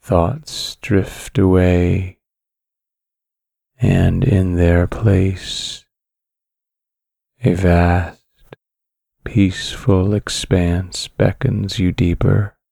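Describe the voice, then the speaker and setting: Deep, very slow male sleep story narrator. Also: creaky, breathy edge, no room sound, studio quality. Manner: calm, soothing, measured delivery with long pauses.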